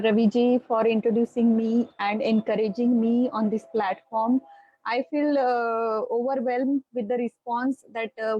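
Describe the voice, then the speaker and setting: A woman with an Indian accent teaching yoga online in a measured, instructive way. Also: fairly high pitch, a little mellow, no room sound, dull audio. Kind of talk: online lecture and guided breathing relaxation.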